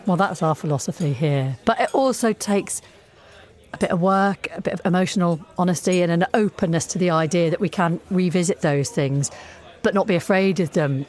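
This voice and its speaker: Woman radio host, lowish voice, calm empathetic questions. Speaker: radio presenter. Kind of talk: radio interview.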